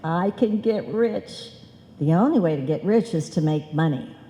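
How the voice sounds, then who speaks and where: Recorded live on stage in a reverberant hall, this old-time radio comedy has an actress as an earnest, muddled, talkative housewife hungry for cash who trips over malapropisms. Her mellow, fairly low voice has lively intonation and a moderate pace, lightly acted, as she schemes excitedly.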